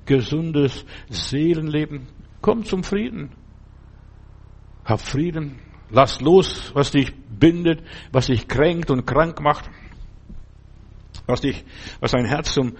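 Exhorting male preacher, slightly high voice. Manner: exhorting, addresses listener directly with repeated phrases. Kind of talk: sermon.

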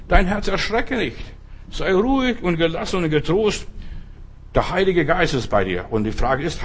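A middle-aged male preacher giving a fervent sermon, talking straight to the listener and swinging between loud exhortation and quiet asides. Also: fairly high pitch, breathy edge. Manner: addresses listener directly as du.

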